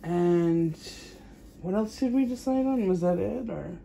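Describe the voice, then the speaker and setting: A woman's voice: lowish voice, lively intonation, measured pace, gravelly, dark tone. A woman vlogging casually at home as a mom, chatty and rambling, thinking aloud with fillers as she goes. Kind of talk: casual grocery haul chat.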